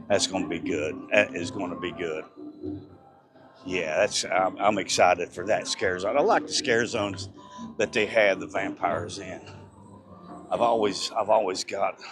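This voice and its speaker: Slow-talking excited man vlogging. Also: low voice. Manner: excited, rambling, chatty with passersby. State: slightly breathless. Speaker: live-stream vlogger. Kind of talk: casual walking live-stream chat. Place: outdoor theme park at night.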